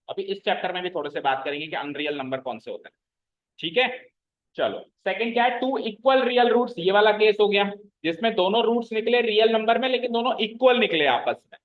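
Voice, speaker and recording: A man with a high-pitched voice teaches a class, explaining step by step and repeating the key terms. He keeps stopping to check that the students follow. The recording sounds dull and lo-fi. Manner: checks understanding with frequent questions to the class. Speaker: maths teacher. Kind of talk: classroom lecture.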